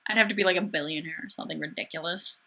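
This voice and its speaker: Young woman from Wisconsin, livestream host, bright voice, chatty and wry, casual webcam-mic sound. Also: fairly low pitch. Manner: chatty, upbeat, sarcastic, quick restarts. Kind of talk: casual livestream chat reading viewer comments.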